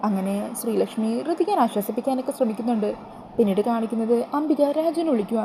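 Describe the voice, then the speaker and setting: A woman storyteller briskly and chattily retelling a TV serial episode. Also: on the high side, lively intonation, mellow, a little hiss or hum, low-quality recording.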